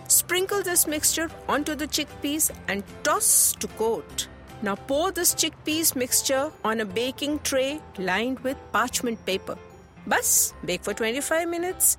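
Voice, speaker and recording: A woman's voice: sits high, a bit bright. A woman with an Indian accent playing a helpful, health-conscious mother in a scripted chat, instructive and mixing Hindi into English. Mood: instructive, upbeat. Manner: chatty, instructive, Hindi-English code-switching. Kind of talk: scripted conversational dialogue. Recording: music bed under the voice.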